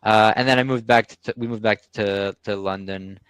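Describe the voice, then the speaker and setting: On a dry recording, a young man from Canada who founded a restaurant tech company talks casually about his business and life as a podcast guest. His voice sits on the low side, clean and fairly bright, at normal speed with fairly even intonation. He is talkative, with frequent restarts and fillers.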